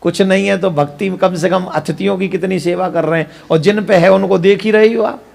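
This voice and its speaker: A man voicing calm, deep-toned Lord Shiva. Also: fairly quick, gravelly. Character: Lord Shiva, calm, wise, detached ascetic god.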